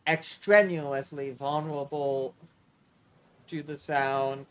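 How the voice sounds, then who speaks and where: A man's voice: a little high, fairly even intonation, slow pace, slight background noise. A man streaming live, chatting casually and rambling, swearing freely and drawing out his words.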